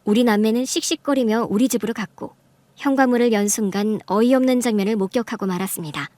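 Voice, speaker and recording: A woman's voice: a little high, fast talker, darkish tone, dry recording, lightly acted. A woman playing a betrayed wife who narrates her story, fierce and accusing in a radio drama. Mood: calm narration. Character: furious betrayed young wife, sharp-tongued.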